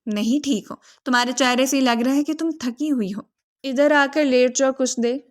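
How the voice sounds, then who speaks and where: A woman doing a soft-spoken, loving old grandmother. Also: sits high, close to an everyday voice. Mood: fond. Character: affectionate old grandmother, protective.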